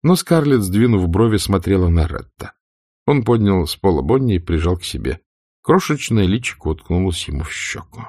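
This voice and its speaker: A man narrating a novel in an audiobook, measured and expressive. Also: deep voice, no echo, clean studio sound. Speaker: audiobook reader. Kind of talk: scripted narration.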